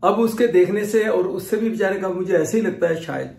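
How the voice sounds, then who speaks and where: A man's voice: high-pitched, a little fast, creaky, darkish tone. A middle-aged man telling a casual vlog story, chatty and digressive, often restarting his sentences. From Pakistan. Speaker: vlogger. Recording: echoey room.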